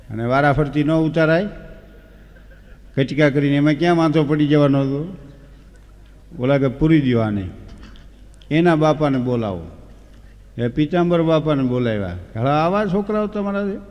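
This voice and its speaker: Animated Kathiawadi storyteller man, echoey hall. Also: on the high side. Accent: Kathiawadi Gujarati. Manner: animated, switches into quick character voices for dialogue. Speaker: folk humorist. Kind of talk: comic folk storytelling on stage. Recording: echoey hall, dull lo-fi sound.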